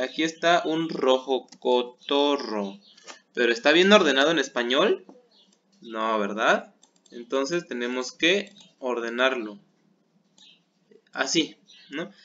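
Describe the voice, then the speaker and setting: Slow, bright-voiced man teaching. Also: medium pitch, expressive, highs cut off, slight background noise. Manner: patient, keeps checking with "¿sale?". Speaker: English teacher. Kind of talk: online class explaining English words.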